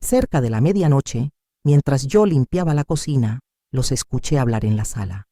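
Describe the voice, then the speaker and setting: Older woman, expressive storyteller. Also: extremely low pitch, normal speed, no echo, clean studio sound. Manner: expressive and dramatic. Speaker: narrator. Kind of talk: first-person story narration.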